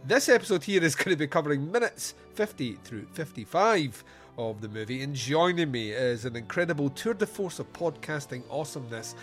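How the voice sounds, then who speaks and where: A man's voice: on the high side, lively intonation, brisk, faint music behind. A man hosting a film podcast, chatting casually in a rambling, enthusiastic, sweary way. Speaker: podcast host.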